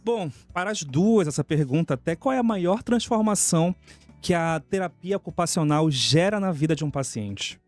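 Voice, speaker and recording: A jovial male host runs a studio interview, laughing easily between questions. His voice sits a little high for a man. Faint music sits under the conversation. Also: lively intonation, normal speed, darkish tone. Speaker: TV show host. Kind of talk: casual TV interview hosting.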